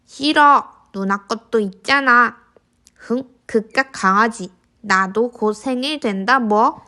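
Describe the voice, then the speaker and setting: A woman's voice: a little high, slow, sharp tone. A woman voicing an imaginative, envious little boy in a picture book read aloud to toddlers. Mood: sulky. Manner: childlike, simple storybook delivery for toddlers. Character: imaginative little boy envying his big sister's puppy. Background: background music.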